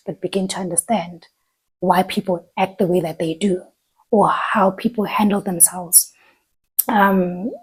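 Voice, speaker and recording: A woman's voice: mid-range voice, dark tone, slightly rough, rough recording. A woman from Africa, co-hosting a casual podcast chat and thinking aloud with frequent restarts. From southern Africa, living in South Africa. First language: a southern African language. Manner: thoughtful, trails off and restarts mid-thought. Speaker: podcast co-host.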